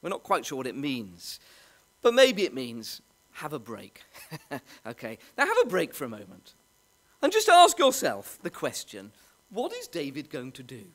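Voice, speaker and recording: A male preacher gives an all-age sermon in church, his pitch leaping high and low in wide swoops. He tells the story with lively gestures in his voice and keeps turning to the children with questions. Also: moderate pace.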